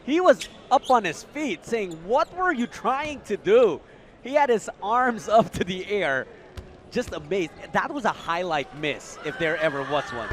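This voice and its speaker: A man's voice: high-pitched, animated, moderate pace. A man calling a basketball game live as play-by-play commentator. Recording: loud arena noise behind.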